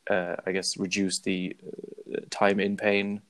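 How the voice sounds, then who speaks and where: A man chatting casually as a podcast co-host, hesitant and joking in a dry, deadpan way. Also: low voice, measured pace. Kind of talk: casual chat.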